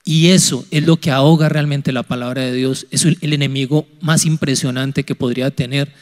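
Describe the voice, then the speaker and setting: A man taking part in a church youth discussion, speaking in a measured, soft way with frequent restarts. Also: mid-range voice, steady tone. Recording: long hall reverb.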